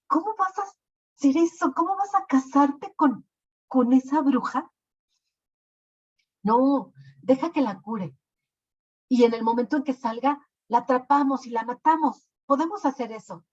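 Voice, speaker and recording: A man's voice: extremely high pitch, normal speed, darkish tone, pitched above the performer's own voice. A woman voicing an alarmed male royal councillor who urges a killing, in a told story. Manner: urgent, pleading. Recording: lo-fi recording.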